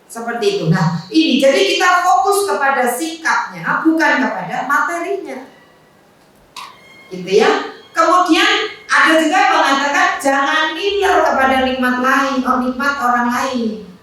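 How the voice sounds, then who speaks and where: A woman's voice: high-pitched, lively intonation, a little slow, sharp tone. A woman religious teacher giving a conversational study lecture, mixing in jokes and asides. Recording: echoey room, voice from far off.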